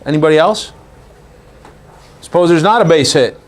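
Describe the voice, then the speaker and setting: A man runs an umpire training session in a meeting room, his voice sitting a little high. He teaches in a Socratic way, keeps asking the group questions and acts out quick exchanges with players. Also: expressive. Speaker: umpire clinic instructor.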